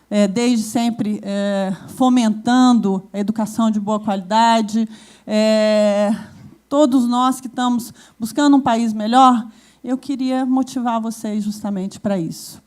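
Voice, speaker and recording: A woman's voice: on the high side, a little mellow. A woman giving a university keynote lecture, talking with many fillers and restarts.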